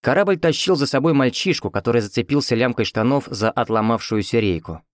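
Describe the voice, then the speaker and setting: A man's voice: medium pitch, expressive, a little fast, dry recording, studio quality. A man reading first-person fiction as an audiobook narrator, in a conversational, wry storytelling manner.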